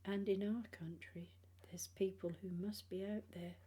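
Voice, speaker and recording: An older British woman, in her sixties or beyond, chatting casually and haltingly in a personal vlog, sounding tired, with speech affected by missing front teeth. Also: mid-range voice, fairly even intonation, mellow, slightly rough. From England. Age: 60s or older. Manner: halting, rambling, trailing phrases.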